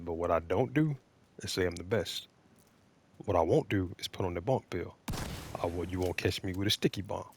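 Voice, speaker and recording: A man giving blunt, opinionated, defensive off-the-cuff commentary as a video game creator, with halting, emphatic phrasing. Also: sits low, creaky, darkish tone.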